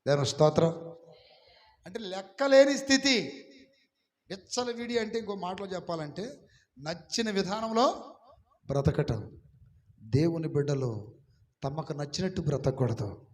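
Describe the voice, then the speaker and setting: A man preaching a sermon as pastor, calling on the congregation to repeat his words back loudly. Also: high voice, lively intonation, unhurried, pauses often. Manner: preaching with call-and-response, urging the congregation to repeat. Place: church hall. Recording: echoey hall, some of it from far off.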